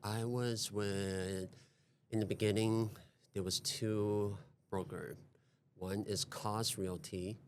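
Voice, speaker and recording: A man in his forties with a notably low voice, from Taiwan, talking as a guest on a podcast. He speaks haltingly, restarting and repeating phrases as he searches for the details. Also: flat delivery, a little hiss or hum. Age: 40s. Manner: hesitant, halting, repeats himself. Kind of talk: podcast interview.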